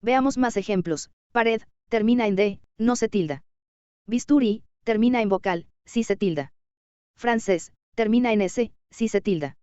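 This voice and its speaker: A woman reading a scripted lecture as a teacher, measured and slowing down for word examples. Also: medium pitch, darkish tone, smooth, no room sound, dull audio.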